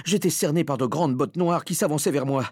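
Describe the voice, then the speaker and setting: A man reading a children's story aloud with dramatic, expressive first-person narration. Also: a little high, fairly quick, slightly rough, no echo, clean studio sound. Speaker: audiobook reader.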